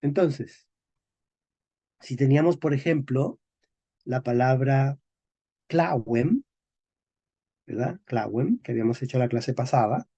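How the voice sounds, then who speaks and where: Slow-talking guy lecturing a class, keeps tossing in little "ok?" checks, dark husky voice, kinda muffled recording. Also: medium pitch, expressive. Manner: slow and deliberate, checks in constantly with "¿ok?" and "¿eh?"; repeats and spells out key words. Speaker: teacher of Spanish historical phonology.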